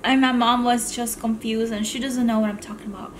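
A woman's voice: fairly high pitch, fairly even intonation, brisk, a little hiss or hum. A woman hosting a mukbang video, chatting casually and rambling between bites of food. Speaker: mukbang channel host. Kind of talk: casual chat while eating on camera.

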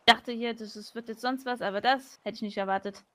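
A woman's voice: fairly high pitch, fairly even intonation, quick pace, lightly acted. A woman playing a suspicious young homeless woman who complains and refuses to trust, in a game roleplay. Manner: distrustful, pouty complaining.

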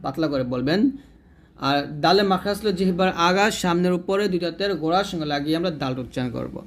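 A man giving a recitation lesson, explaining and demonstrating each letter sound slowly, and asking viewers to repeat after him. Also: high voice, a little hiss or hum. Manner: addresses viewers directly. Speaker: Quran recitation teacher. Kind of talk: tajweed lesson.

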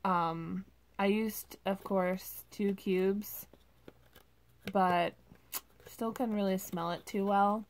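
A woman's voice: medium pitch, fairly even intonation, very slow, pauses often, slight background noise. A woman vlogger casually reviewing wax melts at home, chatty and gushing, with many ums and likes.

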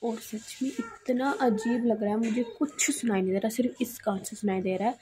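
A young woman from Punjab, India, vlogging casually while unwell and short of sleep, talking quietly. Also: fairly high pitch, animated, moderate pace, slight background noise. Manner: soft, subdued talk, she speaks quietly. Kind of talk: casual vlog chat.

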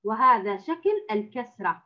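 A woman teaching a first-grade reading lesson, stretching out sounds and words slowly and repeating them patiently for young pupils. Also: fairly high pitch, sing-song. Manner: addresses the class as girls, with patient repetition. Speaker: primary school teacher. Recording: dull lo-fi recording.

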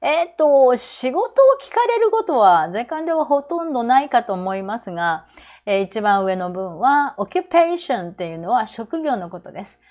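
A woman with a Japanese accent teaching English travel phrases to seniors, modelling each phrase very slowly. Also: fairly high pitch, sing-song, a little mellow.

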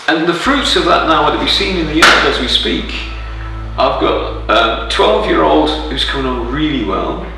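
A man's voice: a little high, moderate pace, creaky. An older man, a sailing club instructor, talking with enthusiasm in a documentary interview in an indoor clubroom. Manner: enthusiastic, animated storytelling. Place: indoor clubroom with photos on the wall. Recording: roomy, distant, with music behind.

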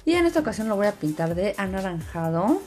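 A woman's voice: mid-range voice, very animated, fast talker, darkish tone. Woman narrating a craft tutorial over music. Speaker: host of a slime craft channel. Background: background music.

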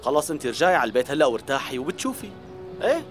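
A man's voice: on the high side, sing-song, racing, faint music behind. An actor dubbing a drama in Syrian Arabic, playing a protective young man who speaks firmly and confronts others. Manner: firm, confrontational. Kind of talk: dubbed TV drama.

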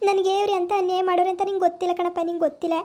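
Woman doing a tearful old mother-in-law, crying, high steady voice, talks fast, village drama. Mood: tearful lament. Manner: pleading, sobbing complaints. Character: grieving older mother-in-law, tearful and wounded. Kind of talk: village family drama acting.

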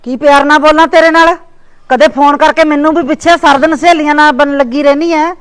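A woman playing a sharp-tongued scornful aunt. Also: on the high side, steady tone, brisk, natural voice. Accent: Punjabi. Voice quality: scolding, taunting. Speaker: visiting aunt. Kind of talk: village drama acting.

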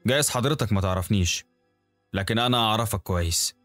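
A man voicing a courteous, mysterious engineer in his fifties with an Egyptian Arabic accent, calm and knowing. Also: fairly low pitch, quick pace, soft background music, close to an everyday voice. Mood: polite. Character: smiling middle-aged male engineer, polite and mysterious.

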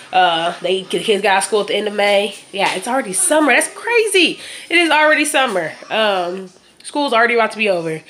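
A woman's voice: lowish voice, fairly bright tone, a little hiss or hum. Chatty young woman vlogging at home. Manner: chatty, rambling with many ums. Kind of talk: casual chat. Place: home kitchen. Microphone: phone at arm's length.

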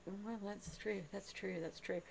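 A woman's voice: medium pitch, steady tone, unhurried, vocal fry, a crowd in the background. A woman streamer chatting casually and teasing her co-hosts, often laughing. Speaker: streamer host.

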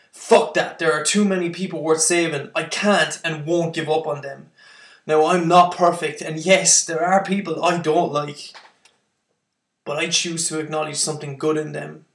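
A man's voice: fairly high pitch, roomy sound. A young man performing spoken word poetry, intense and building to impassioned outbursts.

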